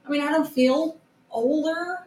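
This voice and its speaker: A woman in her late thirties co-hosting a podcast, chatting casually in an easygoing, earnest way with quick reactions. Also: high voice, a little mellow, soft background music. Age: 30s. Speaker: podcast co-host. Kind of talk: casual chat. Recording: roomy echo, faint ambient noise.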